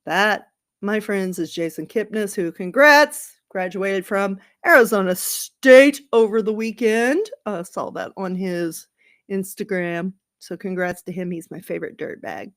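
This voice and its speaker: A woman hosts her solo sports podcast after midnight. She talks at an unhurried, drawn-out pace with a sarcastic, gossipy edge, rambling from one story to the next. Now and then she breaks into a playful outburst. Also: medium pitch. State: tired, late at night. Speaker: podcast host.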